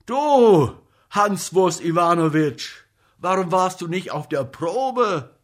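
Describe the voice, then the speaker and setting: A man doing an excitable boozy comic actor. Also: slow, full character voice. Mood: excited. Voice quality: loud, excitable, high-pitched. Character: agitated boozy male comic actor, fussing friend.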